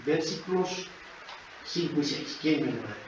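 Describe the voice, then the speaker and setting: A man preaching a sermon in a church, emphatic and dramatic, dropping to soft asides and rising to loud exclamations. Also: fairly high pitch, lively intonation, measured pace. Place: church hall. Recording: echoey church, dull lo-fi sound, noisy.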